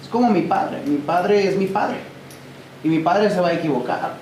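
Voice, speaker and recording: A man giving an emphatic, animated church talk, speaking straight to his listeners. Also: high-pitched, normal speed. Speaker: preacher. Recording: echoey church room with noise.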